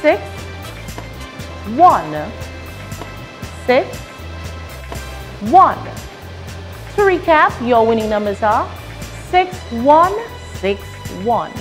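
A woman's voice: on the high side, big pitch swings, drawn-out words, long pauses, soft background music. A young woman, presenting a lottery draw in a formal, carefully enunciated way. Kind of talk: scripted TV lottery announcing.

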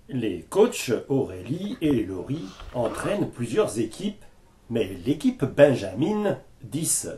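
A male reporter narrates a local sports segment in a slow, measured voice-over. His tone is mellow and dark, and his pitch rises and falls freely. The delivery sounds scripted and even. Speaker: news reporter.

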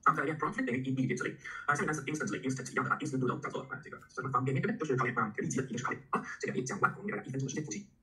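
A middle-aged man lectures on English vocabulary at a rapid clip, his voice bright and forceful. He is animated and chatty, stopping often to spell words out letter by letter for his students. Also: medium pitch, low-quality recording. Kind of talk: lively classroom lecture.

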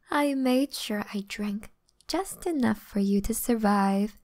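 A woman playing a flirtatious, gentle but predatory female vampire in an ASMR role-play, teasing and softly boastful. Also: mid-range voice.

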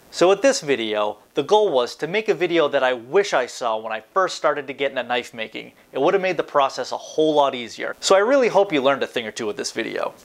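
A man with a nasal voice, hosting and narrating a step-by-step knife-making build, upbeat with jokey asides. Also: mid-range voice. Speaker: knife-making channel host.

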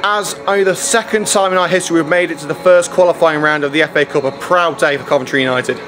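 A man's voice: fairly high pitch, fast, a bit bright, faint music behind. A man hosting a club TV channel, asking upbeat post-match questions. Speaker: club TV interviewer.

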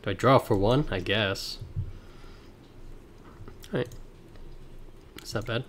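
A man streaming a card game, chatting casually with viewers and thinking out loud as he plays, heard through livestream headset audio. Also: fairly low pitch, slow, a little hiss or hum. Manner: thinks aloud, reads card text, chats with viewers. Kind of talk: casual gameplay commentary. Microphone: livestream headset mic.

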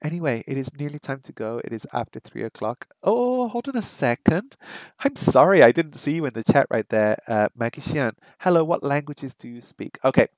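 This streamer is learning Japanese. He's a middle-aged man whose first language is English, now based in Hong Kong, and he chats casually with viewers into a headset mic that sounds close and dry with no room sound. His mid-range voice is a little mellow and sing-song, and he slows down to sound out practice phrases and repeat words. He's in a small room at home beside a window.

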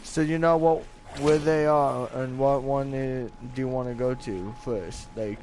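Talking casually with teammates during a co-op stream, this young man uses a steady, somewhat dark mid-range voice at a measured pace, slangy and profane. The headset recording carries game music and effects beneath him, plus slight background noise.

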